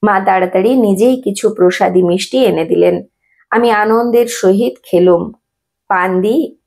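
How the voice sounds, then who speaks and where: Gravelly-voiced woman reading a devotional memoir. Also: medium pitch, moderate pace. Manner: steady, reverent storytelling. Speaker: narrator.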